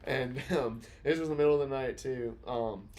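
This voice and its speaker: A man's voice: medium pitch, normal speed, darkish tone. A young man co-hosting a podcast, telling stories in a laid-back, casual way and laughing as he goes. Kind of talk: casual storytelling chat.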